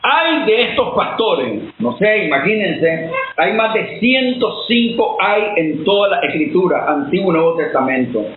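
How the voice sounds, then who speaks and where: A high, animated male voice preaching with force, his pitch swinging up and down as he keeps putting questions to the congregation. The sound comes through a tinny, phone-like line with an echoey room and a faint hiss behind it. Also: unhurried. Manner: emphatic, keeps asking the listeners questions. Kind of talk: sermon-style Bible teaching.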